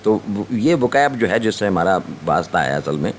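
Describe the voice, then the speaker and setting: A Pakistani-accented male lecturer with a very low, deep voice explains vocabulary to his students. He reads English definitions slowly, pauses often with fillers, then explains them in Urdu. A faint hiss of noise sits under the recording. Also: big pitch swings. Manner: slow, halting delivery with frequent fillers, mixing English and Urdu. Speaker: college lecturer.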